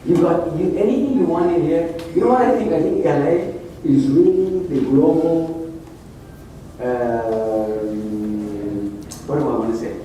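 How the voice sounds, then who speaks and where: Male seminar host, warm tone, banters with the crowd, recorded from afar in a reverberant room. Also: a little high, measured pace, a little hiss or hum. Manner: chatty, jokey, engages the audience. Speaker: real estate club founder and host. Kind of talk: seminar talk to an audience. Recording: echoey meeting room, mic at a distance.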